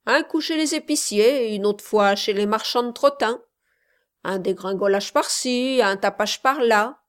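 A woman's voice: fairly high pitch, natural voice. A woman voicing a cocky young male street tough who rattles off boastful slang in a storybook reading. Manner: boastful, rapid slang patter.

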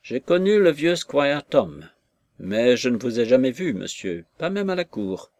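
A man's voice: mid-range voice, sing-song, a little slow, a little mellow, no room sound. A wily old junk dealer, cunning and mocking, who cackles with a knowing air, as a man reading aloud plays him. The voice sounds close and dry.

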